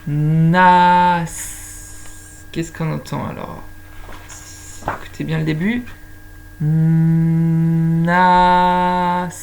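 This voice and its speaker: A woman's voice: low voice, lively intonation, normal speed, gravelly, pauses often, a little mellow, slight background noise. A woman teaching young children to spell by sound, patiently stretching out each syllable. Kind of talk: slow phonics lesson for young children.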